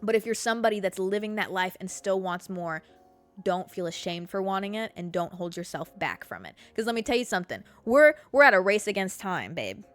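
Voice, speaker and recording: Very animated and brisk, a podcast host in her mid-twenties with a medium-pitched voice fires off a blunt, profanity-filled motivational pep talk, calling her listeners babe and girl. The casual monologue has faint music behind it.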